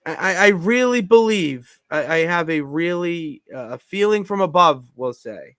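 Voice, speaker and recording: A man co-hosting a podcast from his home basement, talking in an excitable, rambling way with many restarts. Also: a little high, normal speed, dry recording, clean studio sound. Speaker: podcast co-host. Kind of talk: casual chat.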